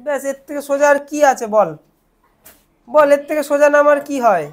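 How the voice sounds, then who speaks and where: With a high, darkish voice and lively intonation, a young woman teaching in a Bengali accent breaks her lesson into steps. She raises questions only to answer them herself and slowly repeats words.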